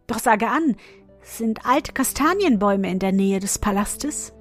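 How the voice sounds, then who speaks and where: Woman doing a calm, knowing enchanted goose. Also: mid-range voice, unhurried, faint music behind, natural voice. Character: wise enchanted female goose, calm helper.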